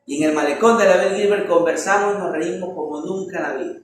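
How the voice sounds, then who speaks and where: A man teaching a Bible lesson in an emphatic preaching style, stressing words with sharp rises and asking rhetorical questions. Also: sits high, fast. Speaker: Bible teacher leading a church economics class. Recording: echoey room, voice from far off, faint noise.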